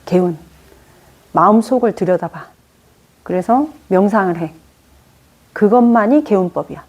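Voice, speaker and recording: A woman lectures her class on fortune-telling in a loose, conversational way. Her voice is warm and mellow at an ordinary pitch, and she brings her stories to life with acted-out quotes. She keeps the room involved by asking the students questions. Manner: lively storytelling with acted-out quotes; chatty, poses questions to the class. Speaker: teacher of Korean fortune-telling.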